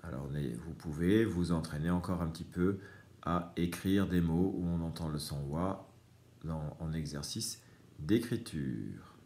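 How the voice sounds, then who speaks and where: Slow, patient teacher with a low voice. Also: male voice, mellow. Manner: slow, patient, explains word by word. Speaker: primary school teacher. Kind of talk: remote reading lesson for children.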